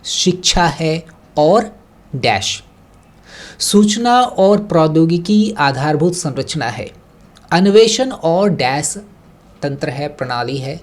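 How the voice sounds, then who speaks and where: Brief: male tutor, measured and unhurried, patient explainer who reads English lines slowly. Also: a little high. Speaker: exam prep tutor. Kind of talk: online exam-prep lesson.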